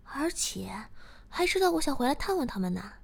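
A woman voicing a coy, playfully submissive young girlfriend in a spoken story, in a pouty, excited manner. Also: a little high, normal speed, vocal fry.

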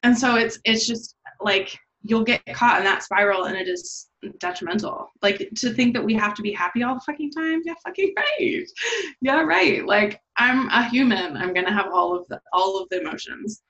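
A woman's voice: medium pitch, brisk, hardly any pauses, fairly bright tone. A woman hosting a casual, heartfelt chat, talking candidly, swearing freely and saying "like" a lot. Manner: candid and profane, says "like" often. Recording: slightly dull lo-fi sound.

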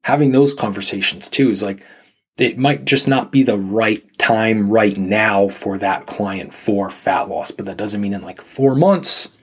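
A man's voice: lowish voice, unhurried, husky. A man, a nutrition coach guest on a podcast, talking casually and rambling with lots of fillers and restarts.

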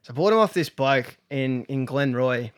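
A man's voice: mid-range voice, lively intonation, moderate pace. A man with an Australian accent hosting a casual podcast chat, matey and sweary, full of slang. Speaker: podcast host.

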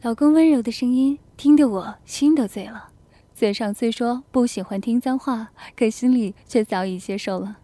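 Woman narrator, soft hushed reading, slightly high voice, dry recording. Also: normal speed, dry recording. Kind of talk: erotic audio story reading.

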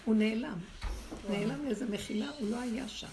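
Gravelly-voiced woman teacher, exhorting. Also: fairly high pitch. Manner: emphatic, exhorting, scolds and challenges listeners. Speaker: religious teacher leading a women's class. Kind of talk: spiritual class with questions from listeners. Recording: noisy room recording.

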